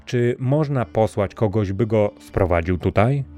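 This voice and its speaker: A man voicing a gentle, earnest young prince who speaks calmly and courteously. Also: on the low side, measured pace, faint music behind. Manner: calm, courteous and sincere.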